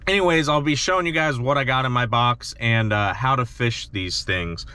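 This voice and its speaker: A man's voice: medium pitch, normal speed, pushed and bright, clean tone. A young man chatting and joking to camera in a casual fishing vlog, filmed in a parked truck on a dashboard camera. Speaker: fishing vlogger.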